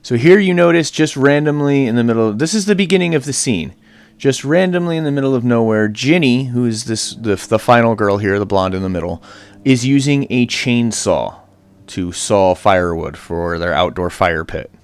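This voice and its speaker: A man's voice: mid-range voice, expressive, normal speed. A man teaching an online class from home, chatty and casual, with many fillers and restarts. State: out of breath. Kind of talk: recorded online lecture.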